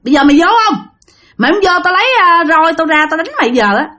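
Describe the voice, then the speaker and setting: A gruff, scolding exorcist master, put on by a woman storyteller. He speaks in lively, rising and falling tones with a Southern Vietnamese accent. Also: a little high, quick pace. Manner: scolding, threatening.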